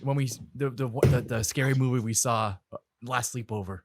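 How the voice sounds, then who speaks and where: A man playing a tabletop role-playing game, making giggly quick asides. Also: mid-range voice, steady tone, background noise. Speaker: player.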